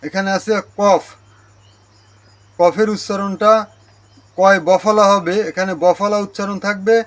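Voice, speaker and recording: A man's voice: high-pitched, steady tone, takes it slowly. A man with a Bangladeshi Bengali accent hosting his channel, giving a religious lesson and carefully repeating Arabic words to correct their pronunciation. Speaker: Islamic teacher and channel host. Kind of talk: religious lesson on Quran recitation.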